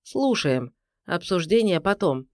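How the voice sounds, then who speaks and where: A narrator playing a composed senior male investigator who talks in a measured, authoritative way. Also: high voice, big pitch swings, a little mellow, no room sound, studio quality. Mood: level.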